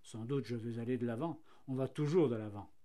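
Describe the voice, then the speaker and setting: A man's voice: mid-range voice, fairly quick, dark tone, pitched below the performer's own voice, lightly acted. A man voicing a cheerful, self-satisfied flax plant that becomes linen and then paper, marvelling at its fortune. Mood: content.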